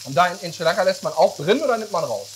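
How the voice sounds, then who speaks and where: A man's voice: sits high, animated, very fast, a little hiss or hum. A man in his forties, a chef hosting a cooking video, chatting and joking while asking many questions, recorded in a large indoor professional kitchen on a lapel mic. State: sweating from spicy food. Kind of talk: casual cooking chat. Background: background music and sizzling pan.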